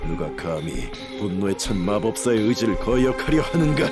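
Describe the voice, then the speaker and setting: A proud human wizard of a fantasy game, full of wrath and anguish. His delivery is haughty and intensely dramatic over clear background music. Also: on the low side, sing-song, moderate pace. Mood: defiant, angry. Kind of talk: scripted fantasy game voice acting.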